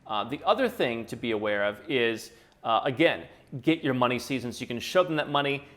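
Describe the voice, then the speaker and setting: A man hosting his channel, giving brisk, opinionated advice straight to camera with a touch of sarcasm. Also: mid-range voice, animated, fairly bright tone. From United States. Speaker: channel host. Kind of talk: talking-head advice commentary.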